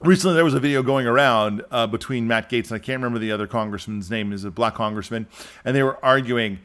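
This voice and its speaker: A man hosting a podcast, delivering an animated, exasperated opinion monologue. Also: mid-range voice, fast talker, clean tone. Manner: animated, exasperated ranting with mocking impressions. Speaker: podcast host.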